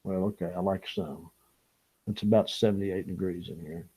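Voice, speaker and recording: A man chats casually on his fishing channel's live stream, rambling between stories and reading viewers' comments aloud with frequent chuckles. His voice sits low and a little husky, with a dark, mellow tone. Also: fairly even intonation, moderate pace, low-quality recording. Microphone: small camera mic or lapel.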